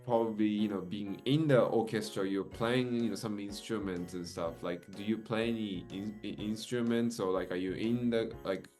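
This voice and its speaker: Deep-voiced man interviewing, lots of fillers. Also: fairly even intonation, moderate pace, few pauses, darkish tone, soft background music. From Japan. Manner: rambling, many fillers and restarts. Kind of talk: casual video-call interview.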